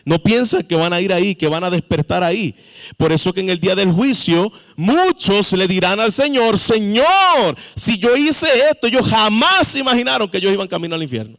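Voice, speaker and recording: A man's voice: high-pitched, expressive, brisk, gravelly, a bit bright. A man preaching a sermon as pastor, with sudden emphatic rises and questions to the congregation. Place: church sanctuary. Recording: long reverb of a church hall.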